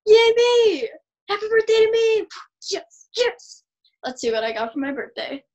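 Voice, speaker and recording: A woman's voice: a little high, steady tone, fast talker, highs cut off, noisy background, natural voice. A woman playing a lonely, self-absorbed woman who throws herself a birthday party and talks to herself in two voices. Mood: gushing.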